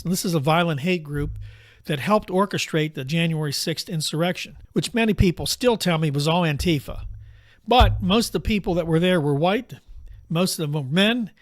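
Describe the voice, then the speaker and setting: Guy doing a casual political rant, kinda high voice, sarcastic, rambles off on tangents, dry room. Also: no room sound. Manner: sarcastic, digressive, conversational. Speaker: political commentator.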